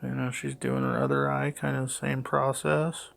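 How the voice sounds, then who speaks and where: A middle-aged man with a gravelly voice and heavy audible breathing, giving hesitant, puzzled, matter-of-fact unscripted play-by-play narration. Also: mid-range voice, little pitch movement, normal speed, a bit bright. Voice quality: gravelly, creaky. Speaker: father doing a voice-over for his daughter's makeup video.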